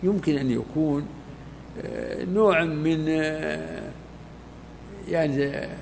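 An older man, a sheikh, explaining a classical text to students in unhurried, halting commentary. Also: a little high, creaky, a little mellow. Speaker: sheikh teaching a hadith text. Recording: hall reverb, faint background noise.

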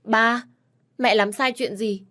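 A woman's voice: a little high, steady tone, slow pace, sharp tone, pitched above the performer's own voice. A woman voicing a young boy who pleads through tears, in a storybook reading with faint music behind. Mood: pleading.

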